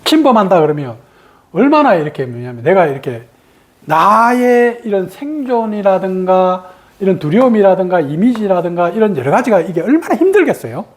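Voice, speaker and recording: A woman meditation teacher gives a dharma talk and acts out the ego's sudden refusals in a lively way. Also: medium pitch, moderate pace.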